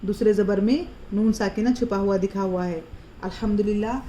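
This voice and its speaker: A woman's voice: mid-range voice, fairly even intonation, dark tone, a little hiss or hum. Patient woman teaching Quran pronunciation. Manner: patient, repeats each word slowly and checks in with "hmm?".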